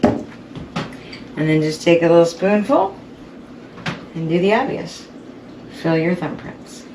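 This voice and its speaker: A woman's voice: lowish voice, expressive, slow pace. A middle-aged woman hosting a home baking video, chatty and upbeat as she talks straight to viewers. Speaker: baking channel host. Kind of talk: casual cooking demonstration. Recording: voice a little far from the mic, faint room noise.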